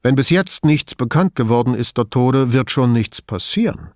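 A man voicing a calm, dry-witted male police inspector who answers his superior politely and with restraint. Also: medium pitch, moderate pace, dry recording, lightly acted.

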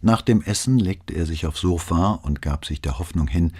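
A man narrating a crime novel audiobook in a measured storytelling voice. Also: sits low, a little mellow, husky. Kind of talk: scripted narration.

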